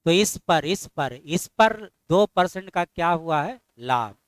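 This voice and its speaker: A middle-aged man teaching a math class, firing constant questions at his students and scolding them mildly when they are slow. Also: fairly high pitch, lively intonation, a bit bright, clear, resonant tone, no echo.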